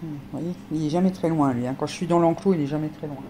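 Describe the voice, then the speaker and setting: A woman's voice: sits low, quick pace, dark tone, a little hiss or hum, low-quality recording. A woman vlogging outdoors in a dog enclosure, chatting to viewers with a slight lisp and cooing baby talk to her dogs. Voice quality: slight lisp from new teeth. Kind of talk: casual vlog chat with pets.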